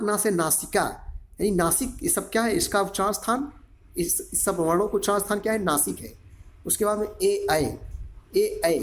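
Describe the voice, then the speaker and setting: A male teacher giving an exam-prep grammar lesson, sounding out syllables one by one and repeatedly asking the class a question before answering it himself. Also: a little high. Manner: drills syllables aloud, asks and answers his own questions; repeats a quiz-style question to the class again and again.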